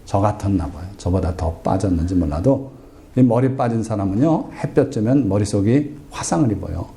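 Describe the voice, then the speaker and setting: A male pastor preaching in a warm, deep, low voice that is very mellow. He tells the scripture story like a chat, with dry humor about himself, and keeps asking the congregation questions. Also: animated, fairly quick, creaky. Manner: conversational storytelling with self-deprecating humor. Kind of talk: sermon.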